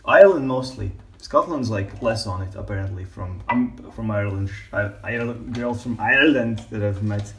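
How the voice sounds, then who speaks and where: A man's voice: lowish voice, normal speed, hardly any pauses, slight background noise. Echoing bathroom recording, slightly distant mic, man, casual joking podcast guest. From Latvia. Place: bathtub in a small bathroom.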